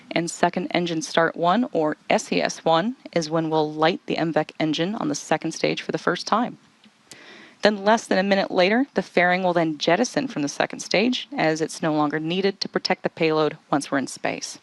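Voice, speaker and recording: Lower-voiced woman with a touch of fry. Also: normal speed, no echo. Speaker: launch webcast host. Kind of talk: live technical commentary, explanatory.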